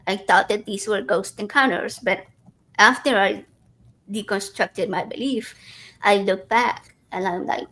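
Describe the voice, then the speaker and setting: A woman's voice: medium pitch, a little slow, fairly bright tone, low-quality recording. A woman in casual conversation, chatty, talking in loose sentences full of "like" and restarts. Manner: chatty, many likes and restarts.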